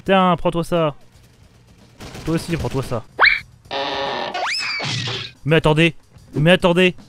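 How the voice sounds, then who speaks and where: A man's voice: a little high, slow, over loud music. Goofy young man commenting on a game. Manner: goofy, self-mocking, jokes and silly voices. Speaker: gaming video host. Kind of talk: comedic let's play commentary.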